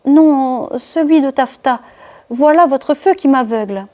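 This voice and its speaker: A woman's voice: sits high, unhurried, mellow. A woman voicing a witty, mocking young marquise in a one-woman reading of a classic stage comedy, speaking in a cool, teasing and imperious way. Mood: offhand. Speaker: reader of a play.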